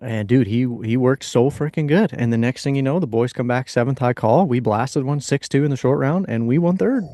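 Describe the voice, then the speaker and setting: A man's voice: medium pitch, brisk, few pauses, mellow, no room sound, studio quality. A man of thirty-one co-hosting a podcast, talking in a laid-back, easily laughing way. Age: 30s. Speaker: podcast co-host. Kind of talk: casual chat.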